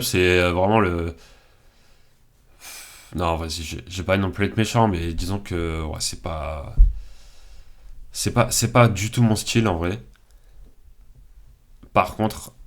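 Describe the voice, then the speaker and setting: A man hosting his channel, chatting casually as he picks between films, thinking aloud with frequent hesitations and fillers. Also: low-pitched. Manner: relaxed and candid. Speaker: channel host. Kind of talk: casual commentary while picking films.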